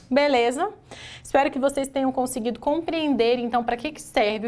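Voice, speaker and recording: A Brazilian woman leads an exam-prep grammar lesson at a whiteboard. Her voice sits somewhat high, and she breaks each sentence down word by word. She keeps asking the class rhetorical questions. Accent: Brazilian Portuguese. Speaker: teacher.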